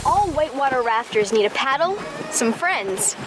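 Lively high-pitched female educational presenter. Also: moderate pace. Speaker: presenter taking part on location. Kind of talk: educational show presenting, short scripted lines. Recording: loud music bed under voice.

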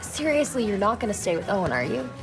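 A woman's voice: medium pitch, big pitch swings, fast, over music. A young woman playing a blunt, confident, teasing best friend in a TV drama. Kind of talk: television drama acting.

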